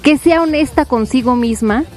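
A woman's voice: high-pitched, normal speed, soft background music. A woman, chatting casually on a live stream, giggling often and reading out her viewers' messages. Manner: giggly, playful, reads chat aloud.

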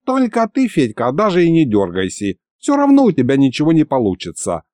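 A man's voice: on the high side, huge pitch swings, brisk, a little mellow, no echo, clean studio sound, pitched above the performer's own voice. A man voicing an ancient, sly, lecherous sorcerer with a pompous, gloating manner.

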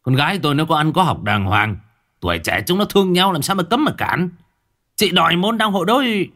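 A man's voice: lowish voice, big pitch swings, normal speed. A man doing a hearty, chatty old villager. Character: jovial older village father, talkative and boisterous.

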